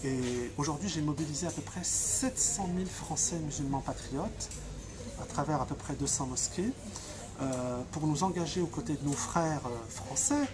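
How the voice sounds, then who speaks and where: A man's voice: on the high side, moderate pace, a crowd in the background. A man from Franche-Comté answering interview questions with fiery emphasis, often restarting and repeating himself. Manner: impassioned, emphatic, with frequent restarts and repetitions. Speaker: activist being interviewed.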